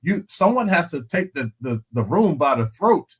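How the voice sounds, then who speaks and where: A man's voice: on the high side, normal speed, slightly rough. Older man breaking down football film. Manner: animated storyteller, repeats phrases, "you know what I'm saying". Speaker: guest analyst, former NFL lineman. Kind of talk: casual podcast commentary.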